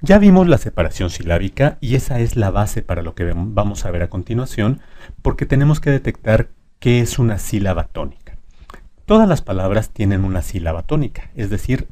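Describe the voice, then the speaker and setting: A man's voice: lowish voice, sing-song, moderate pace, warm tone. A man teaching a lesson, stressing syllables emphatically and drawing out example words. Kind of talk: explanatory lesson.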